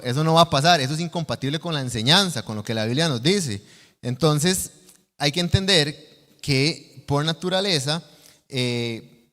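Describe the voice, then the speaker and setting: Costa Rican preacher in a reverberant church. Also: male voice, medium pitch, a bit bright. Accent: Costa Rican Spanish. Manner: earnest, teaching, asks the congregation questions. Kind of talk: sermon. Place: church sanctuary. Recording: long church hall reverb.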